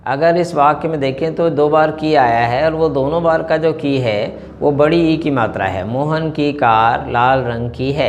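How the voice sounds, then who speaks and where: A man with an Indian accent explaining a language lesson slowly, with frequent hesitations. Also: a little high, a little hiss or hum. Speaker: teacher.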